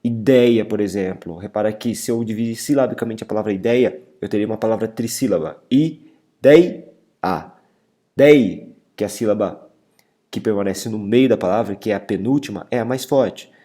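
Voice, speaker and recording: Low-voiced male teacher. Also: steady tone, a little fast. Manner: explains step by step, stresses syllables loudly; says "beleza?" and "galera" often. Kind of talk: video lesson.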